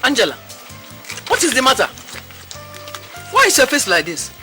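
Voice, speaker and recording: A woman's voice: high-pitched, huge pitch swings, normal speed, bright, forceful tone, faint music behind, exaggerated voice. An actress with a Nigerian accent playing a domineering, scheming churchgoing mother who presses with questions. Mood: bossy. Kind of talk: film drama acting.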